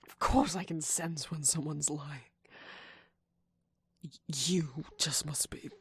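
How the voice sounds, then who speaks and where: A woman voicing a scheming, manipulative male cookie trickster in an ASMR roleplay, with a breathy whisper and a sly, taunting manner. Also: low voice, slow, dry recording, studio quality, full character voice. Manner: taunting, sly, laughs often.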